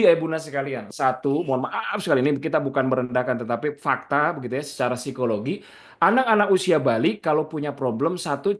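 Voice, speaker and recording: A man, a parenting trainer giving a webinar talk to parents over a video call. He speaks conversationally and often puts rhetorical questions to his listeners. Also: mid-range voice. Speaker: parenting trainer and boarding school consultant.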